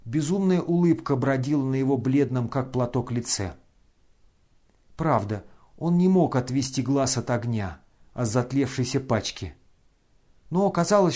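A man reading a classic novel aloud as an audiobook narrator, in measured, expressive storytelling. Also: medium pitch.

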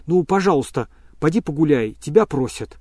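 Flustered, pushy gentleman as a male reader plays him, raised voice, dry. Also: on the high side, animated, normal speed, no room sound. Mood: agitated. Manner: insistent, pushy. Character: agitated nervous gentleman, insistent and flustered.

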